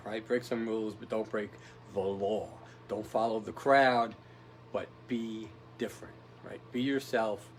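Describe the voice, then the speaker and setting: A man's voice: on the low side, a little hiss or hum, poor audio. A man giving a casual motivational talk, rambling and tough-talking, often checking in with "right?". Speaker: motivational speaker.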